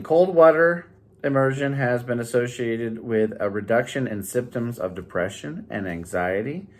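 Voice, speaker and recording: Man, health vlog host, casual delivery, mid-pitched voice, rambling, joking asides. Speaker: host of a health challenge series. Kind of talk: casual vlog reading and commenting on health benefits.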